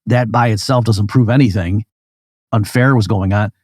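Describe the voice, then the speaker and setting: A man's voice: lowish voice, moderate pace, darkish tone, husky, no room sound, clean studio sound. A man hosting a podcast, making his case in a loose, conversational explanatory monologue and often stopping to fill in with "like" and "you know.". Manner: conversational, acts out hypothetical back-and-forth arguments. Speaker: podcast host.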